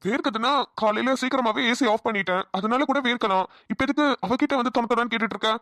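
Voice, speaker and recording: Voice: medium pitch, fast, a bit bright, dry recording, studio quality, lightly acted. A voice actor playing an impatient, dismissive younger brother in a cartoon. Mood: annoyed. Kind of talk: cartoon voice acting.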